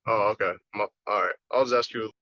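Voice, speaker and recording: A man calling in to a class on the phone while driving his car, apologetic and hurried. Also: on the low side, steady tone, bright, forceful tone, no echo. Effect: phone call from a driving car. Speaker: student calling in. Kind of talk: casual call-in. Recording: thin phone line.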